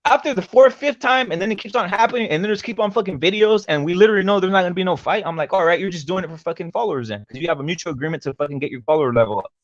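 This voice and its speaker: A man with a slightly high voice talks very fast in a brash, frat-bro way, swearing heavily. He sounds like a casual livestream host, on dull, lo-fi audio with little room sound. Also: no echo. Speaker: host of a boxing talk show. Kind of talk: casual profane live panel chat.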